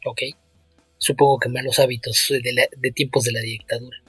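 A man co-hosting a podcast, his voice a little husky and mid-pitched. He chats quickly, with small stumbles and restarts. The recording is dry and close. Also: little pitch movement, fairly bright tone, dry recording, soft background music. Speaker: podcast co-host. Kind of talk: casual chat.

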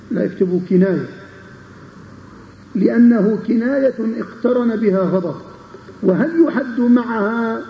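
A man teaching a classical legal text to students, pausing often to check that they follow. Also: high-pitched, gravelly, a little hiss or hum. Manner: explains with repeated checking questions to students. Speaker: Islamic scholar teaching a text. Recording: dull lo-fi recording in an echoey room.

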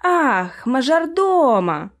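A woman's voice: mid-range voice, very animated, moderate pace, husky. A woman reading an audiobook, voicing a composed young bride who speaks formally with a wry edge.

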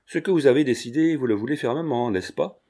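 A man's voice: mid-range voice, animated, moderate pace, darkish tone, lightly acted. A man voicing a witty young painter who teases with mock gravity. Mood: mock-grave. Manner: grave, teasing. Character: mocking young male painter, witty charmer.

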